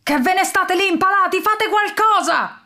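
A woman voicing a big, pompous male villain lord who blusters and shouts threats. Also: very high voice, moderate pace, voice pushed up, exaggerated voice. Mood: furious.

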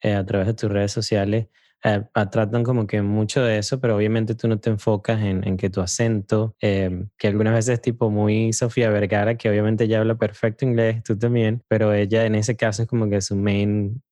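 An interviewer asks casual questions, often restarting mid-sentence. The voice is mid-pitched. The recording is dry and close, with no room sound. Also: little pitch movement, brisk, warm tone, dry recording.

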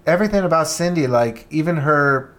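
A man's voice: on the high side, lively intonation, a little fast. Earnest young man musing on a podcast. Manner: thoughtful and earnest, with restarts and soft trailing phrases. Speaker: podcast co-host. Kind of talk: casual chat.

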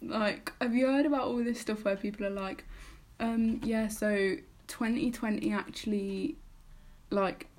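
A woman's voice: mid-range voice, steady tone, measured pace, darkish tone. A young woman co-hosting a casual chat, talking ideas through at length. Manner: chatty, explains ideas at length. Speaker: podcast co-host.

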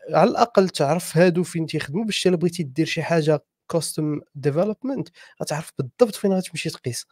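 A man's voice: a little high, very fast, darkish tone, slightly rough, no room sound, clean studio sound. A man with a Moroccan accent giving advice in a casual discussion, explaining with stumbling repetitions.

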